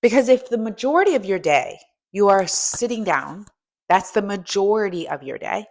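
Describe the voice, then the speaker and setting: Here the woman in her fifties, a strength coach and host, uses a medium-pitched, expressive voice at a moderate pace. Her motivational coaching talk is emphatic, and she addresses the listener with direct questions.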